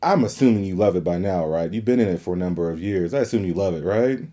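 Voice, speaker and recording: Man, Southern American accent, talk show host, dark relaxed tone, casual interview, dull audio. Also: low voice, fast. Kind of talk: casual interview podcast hosting.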